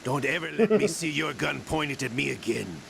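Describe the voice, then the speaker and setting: An older villain commander from a video game, his voice heavy with gravel and fry. He speaks deliberately and with cool condescension, like someone used to giving orders. A clear hiss runs through the recording. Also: a little high, animated. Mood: stern, threatening. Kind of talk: dramatic video game acting.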